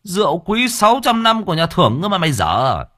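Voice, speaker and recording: A man's voice: sits high, huge pitch swings, fast, sharp tone, pitched above the performer's own voice, full character voice. Man doing an indignant drinking buddy. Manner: indignant protesting.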